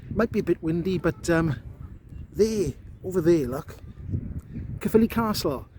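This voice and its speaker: A man's voice: high-pitched, animated, moderate pace, a little mellow, a little hiss or hum. A man with a South Wales Valleys accent, chatting casually to a handheld camera outdoors in an informal vlog style. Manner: chatty, often tags remarks with "look". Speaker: vlogger reviewing an electric bike. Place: outdoors on paths in a park.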